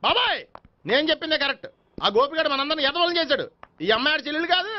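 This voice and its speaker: A brash, high-voiced comic sidekick. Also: male voice, lively intonation, rapid-fire, slight background noise. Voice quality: high nasal comic voice, rustic slang. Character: brash young male sidekick, hot-headed and boastful. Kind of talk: Telugu film comedy acting. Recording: slightly dull film audio with background score.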